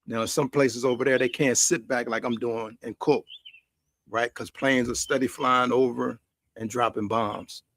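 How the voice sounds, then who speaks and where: A man's voice: medium pitch, fairly even intonation, normal speed, a bit bright, dry recording. An American man hosting a casual, rambling live stream from his backyard grill, folksy and repeating his phrases for emphasis. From United States. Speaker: host of a cooking and chat stream. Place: outdoors in a quiet backyard.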